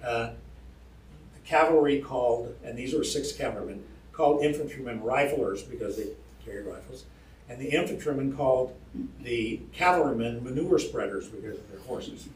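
A man's voice: medium pitch, moderate pace, a little hiss or hum. A man, an author, reading aloud from his book at a library event, with plain storytelling and occasional asides. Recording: roomy hall, distant mic, faint ambience.

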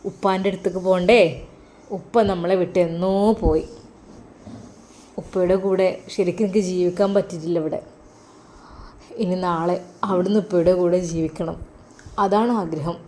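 A woman's voice: lowish voice, fairly even intonation, moderate pace, pauses often, dark tone, slight background noise, lightly acted. Woman voicing a grieving devout son. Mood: sorrowful. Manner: earnest, pleading, sorrowful.

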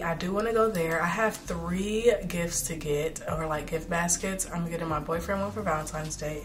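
Young woman vlogging, slightly hoarse. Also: on the low side. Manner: chatty and relaxed with slang. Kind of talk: casual chat to camera.

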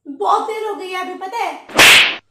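Young woman as girlfriend, pleading and scolding, loud noise behind her. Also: very high-pitched, unhurried. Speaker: girlfriend in a prank video. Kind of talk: casual couple prank video. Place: indoor room. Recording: very echoey room, far from mic, loud noise.

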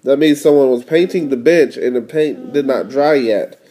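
Reading a storybook to his little one, a man adds casual explanations and asks questions to draw the child in. He speaks at medium pitch and a moderate pace, with a dark tone.

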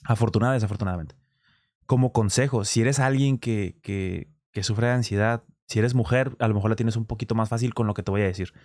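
A man's voice: on the low side, brisk, dry recording, clean studio sound. A man with a Mexican accent, reacting to a clip on stream in casual, slangy talk full of swearing. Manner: crude slang, swearing, animated demonstrations.

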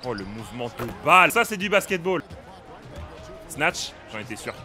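Playing a basketball video game, a young streamer offers casual, excited commentary, frequently yelling at what's happening and breaking into laughter. He speaks at a moderate pace in a medium-pitched voice.

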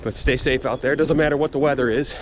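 A man's voice: medium pitch, steady tone, fast. A man in his thirties with an American accent talks casually to his vlog camera while running, slightly winded. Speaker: running vlogger. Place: outdoors on paths and sidewalks. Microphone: camera held at arm's length. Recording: outdoor action camera, noisy street ambience.

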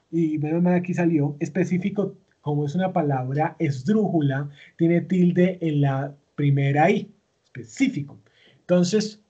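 Patient teacher, husky lo-fi voice. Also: male voice, a little high, dark tone. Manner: patient, step-by-step, many fillers and self-corrections. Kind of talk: recorded online class, screen-share tutorial.

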